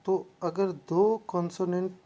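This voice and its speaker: Her voice is fairly low, steady and warm, though the recording is muffled. She teaches English grammar classroom-style, mixing Hindi and English and spelling words letter by letter, and gets slow and halting when reading English rules.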